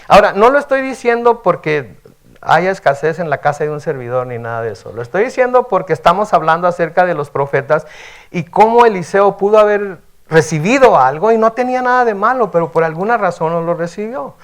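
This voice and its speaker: A pastor teaches the Bible at a midweek service, reading verses aloud and then explaining them. His voice sits a little high for a man, and he talks in a relaxed, conversational way, often tagging on a questioning "right?" to draw in the listeners. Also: brisk. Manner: conversational, frequent "¿verdad?" tags, reads scripture aloud and explains.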